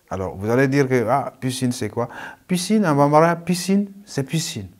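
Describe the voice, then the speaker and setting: A man teaching a language lesson in a patient, explanatory way, often pausing on "euh" and adding "hein" to check in. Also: mid-range voice, darkish tone. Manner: frequent hesitations and tag "hein"; patient, repeats key points.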